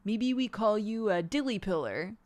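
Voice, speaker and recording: A woman voicing an excitable, secretive boy who is fond of small creatures, in story game dialogue. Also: medium pitch, normal speed, natural voice. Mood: delighted.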